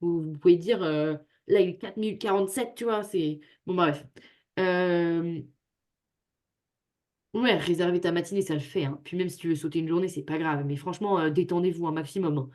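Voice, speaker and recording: Speaking at a moderate pace with a lowish, darkish voice, this young woman is tutoring students on a video call. She keeps it casual and chatty, often poking fun at herself. Her computer mic captures the conversation.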